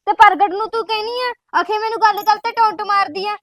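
An actress with a Punjabi accent playing a domineering, quick-tempered elder sister who scolds her brother's wife. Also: very high-pitched, fairly even intonation. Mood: scolding. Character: domineering, sharp-tongued elder sister of the husband. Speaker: actor in a family web drama.

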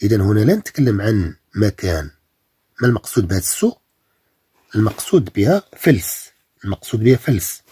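A man from Morocco with a Moroccan Arabic accent teaching beginner French, saying the French examples slowly and drawn out, then explaining them in Arabic. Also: on the low side, big pitch swings, mellow, breathy edge. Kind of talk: bilingual French lesson for beginners.

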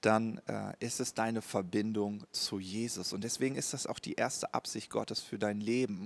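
A man's voice: medium pitch, vocal fry. A man preaching a sermon as a pastor, speaking straight to the listener and often checking in with a short "ja?". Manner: direct address with frequent "ja?" check-ins.

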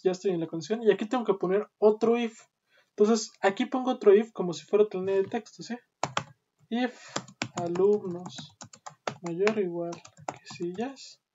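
A woman with a mid-range, dark-toned voice teaches a programming class in a screen-recorded coding lesson, explaining step by step and often checking in with "¿sí?". The audio is dull and lo-fi, with clear background noise and keyboard typing.

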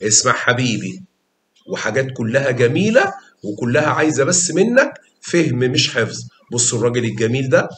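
Animated Egyptian math teacher, man. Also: mid-range voice, brisk, reverberant. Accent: Egyptian Arabic. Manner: animated, coaxing students with questions and repetition. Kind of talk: lively classroom explanation.

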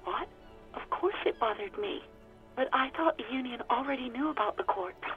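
An anxious young woman in a video game, high-voiced and hesitant. She sounds resigned and put-upon, squeezed through a tinny, narrow radio line with faint music behind. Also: animated, moderate pace. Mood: guarded. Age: young adult. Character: anxious, exasperated young woman, reluctant local worker. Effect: radio receiver filter.

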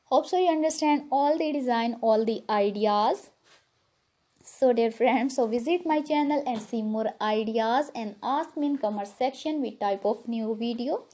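A woman's voice: fairly high pitch, measured pace, dark tone. A woman narrating a showcase as a channel host, in effusive, repetitive phrasing.

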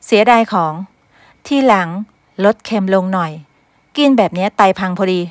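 A woman's voice: medium pitch, normal speed, dry recording, close to an everyday voice. A woman voicing an aloof rich young man who scolds his maid in short, curt lines. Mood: curt scolding.

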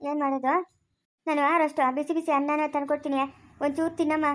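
An actress with a rural Chikkaballapur Kannada accent playing a kind neighbor woman who gently comforts a crying new mother. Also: high voice, level tone, fast, close to an everyday voice. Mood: comforting.

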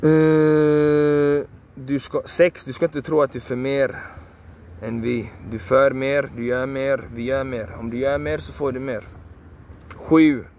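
A man's voice: mid-range voice, little pitch movement, a little mellow, slight background noise. A man giving a passionate motivational monologue, repeating phrases emphatically, swearing for emphasis and sounding preachy. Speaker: video creator.

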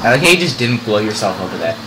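A man's voice: fairly low pitch, sing-song, rapid-fire, sharp tone, slight background noise, poor audio. A young man in casual let's play commentary, chatting easily and explaining the game as he plays. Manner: easygoing, chatty, explaining moves. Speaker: gaming co-commentator. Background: game music.

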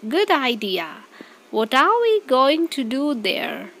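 A woman reading both parts of a short scripted English practice dialogue, clearly and evenly. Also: high voice, a bit bright. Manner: reads both parts of a short dialogue, repeated at varied speeds.

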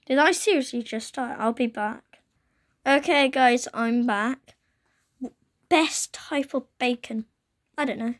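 At home with rain outside, a young gaming channel host records her laptop screen on a phone held in her hand, chatting casually about her game. Her croaky, slightly high voice is slow and pauses often, and she exclaims frequently.

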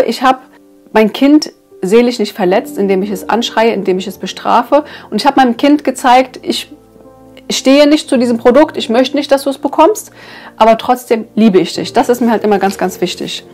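Woman vlogger, higher voice, casual and earnest, plenty of hesitant fillers. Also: moderate pace, a little mellow, soft background music. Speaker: parenting vlogger reviewing a book. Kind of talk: casual explanatory talk to viewers.

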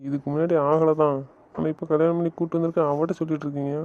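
A man's voice: fairly high pitch, level tone, rapid-fire, close to an everyday voice. A young man acting an easygoing husband who speaks mildly and placatingly, puzzled by the fuss. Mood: bewildered. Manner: mild, placating, bewildered. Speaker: bewildered husband. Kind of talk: amateur web drama acting. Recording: dull lo-fi recording.

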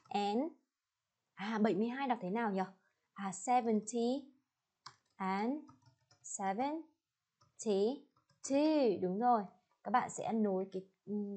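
A young woman teacher with a Vietnamese accent, drilling English numbers and addresses slowly and checking in with her pupils. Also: mid-range voice, a little mellow. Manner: slow, clearly spelled-out English words, checks in with the class. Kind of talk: classroom lesson with drills.

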